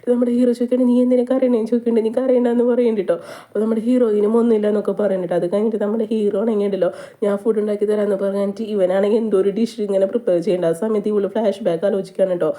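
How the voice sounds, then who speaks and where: A woman, casually retelling a drama plot in rapid chatty storytelling. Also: mid-range voice, level tone, mellow. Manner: rapid chatty retelling, frequent tag "ട്ടോ". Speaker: movie recap narrator.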